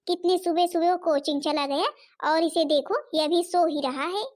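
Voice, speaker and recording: A woman's voice: very high voice, steady tone, moderate pace, darkish tone. A woman voicing a stingy, bossy young stepmother who scolds and complains in a cartoon. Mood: scolding. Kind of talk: cartoon voice acting.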